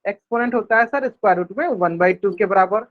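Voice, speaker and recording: Man with a high voice teaching a live online math class, drilling each point by repetition, muffled lo-fi stream sound. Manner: repetitive, asks the class questions and answers them himself; says English math terms slowly and drawn out. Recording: dull lo-fi stream audio.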